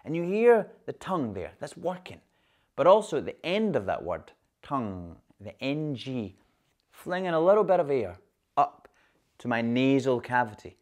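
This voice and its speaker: A man's voice: mid-range voice, sing-song, moderate pace, darkish tone. A man from Glasgow with a Glaswegian Scottish accent, coaching viewers on their voice in an online lesson and saying example words aloud to show them. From Glasgow, Scotland. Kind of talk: online instructional video.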